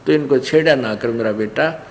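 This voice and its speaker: A man's voice: medium pitch, normal speed, in a large hall, slight background noise, lightly acted. A man voicing a pleading tearful mother. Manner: soft, imploring. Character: pleading tearful poor mother, middle-aged woman.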